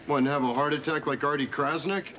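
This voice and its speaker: A man's voice: on the high side, steady tone, fast, fairly bright tone, natural voice. An actor in his thirties playing an earnest, rousing, slightly dim sitcom athlete. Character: gung-ho, earnest, dim small-town male polar bear swimmer. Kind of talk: sitcom acting. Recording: very noisy sitcom soundtrack.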